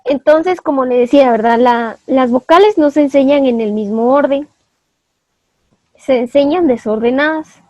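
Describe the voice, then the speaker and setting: A woman's voice: high-pitched, moderate pace, a little mellow, no echo, dull audio. A woman teacher giving an online class, explaining step by step, spelling out syllables and often asking her students for confirmation.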